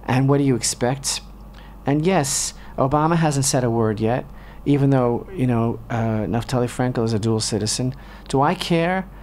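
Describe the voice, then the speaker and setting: A man's voice: mid-range voice, normal speed, a little mellow, slight background noise. A man hosting a talk radio show, speaking with fervent indignation and firing off rhetorical questions. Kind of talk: impassioned talk radio commentary. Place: radio studio.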